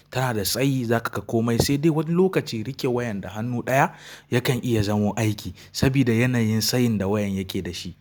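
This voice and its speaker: A man with a Nigerian Hausa accent, narrating a phone unboxing and review as the host of a tech channel. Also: mid-range voice.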